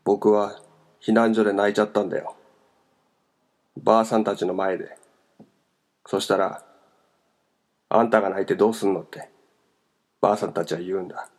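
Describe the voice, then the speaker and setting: A man's voice: on the low side, flat delivery, moderate pace, pauses often, a little mellow, close to an everyday voice. A man reading a novel aloud, voicing a tearful young man who bitterly lashes out. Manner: bitter, pained. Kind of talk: audiobook character voice.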